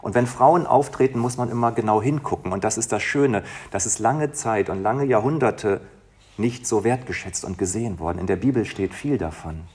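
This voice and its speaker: A man preaching a heartfelt sermon as a pastor, shifting between soft, quiet passages and emphatic, rising lines. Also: fairly low pitch, moderate pace, husky. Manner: emotional, dynamic, swings from soft to emphatic.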